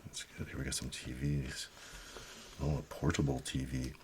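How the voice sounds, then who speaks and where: A middle-aged man doing soft-spoken ASMR, musing aloud in a near whisper with pauses, over crinkling paper. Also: a bass voice. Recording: steady noise, paper crinkling and clicks. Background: newspaper crinkling and page turning.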